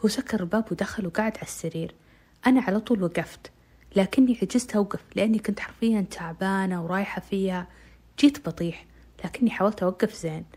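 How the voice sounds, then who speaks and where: A woman's voice: mid-range voice, fast talker, a little mellow. A woman narrating a dramatic first-person story in an intimate way, slipping into whispers. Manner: intimate, dips into whispers at tense moments.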